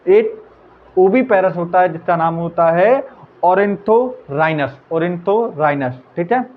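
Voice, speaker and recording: Male teacher, casual revision lecture, slightly high voice, tinny phone-line sound. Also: unhurried. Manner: casual, repeats answers, calls listeners brother. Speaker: biology teacher. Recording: tinny phone-like audio, faint hiss.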